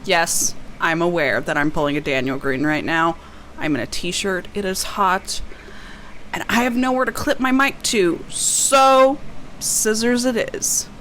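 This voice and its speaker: A woman book vlogger rambles casually through an unboxing, chatty and self-deprecating, often wandering off on tangents. Her voice is on the low side and fairly bright, her pace measured. Background noise is clearly audible.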